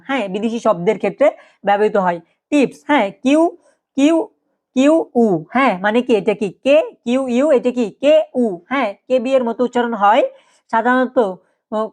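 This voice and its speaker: A woman's voice: on the high side, a little mellow. Woman patiently teaching pronunciation. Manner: explains step by step, repeating words and saying "yes" often. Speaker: language teacher. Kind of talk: spoken pronunciation lesson.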